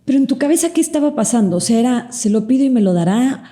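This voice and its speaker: A woman hosting a podcast interview, asking measured, thoughtful questions. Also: on the high side, animated, dark tone. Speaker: podcast host.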